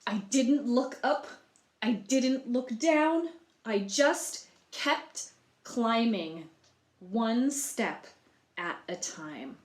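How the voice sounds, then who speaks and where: A woman with a higher, expressive voice reads a picture book to children very slowly at library storytime. She adds explanatory asides and asks the listeners questions, and the room sounds echoey.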